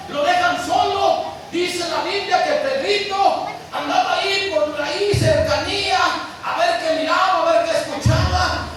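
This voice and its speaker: Fiery high-voiced preacher, echoey hall. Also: male voice. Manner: impassioned preaching, often shouting, acting out the scripture scenes. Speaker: pastor. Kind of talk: sermon. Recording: echoey room, mic far off, background noise.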